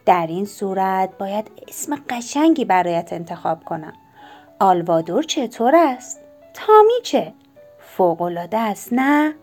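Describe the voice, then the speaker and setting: A woman voicing a gentle, patient father who speaks softly and coaxingly to his young son. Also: mid-range voice, sing-song, soft background music. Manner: soft, coaxing and kindly.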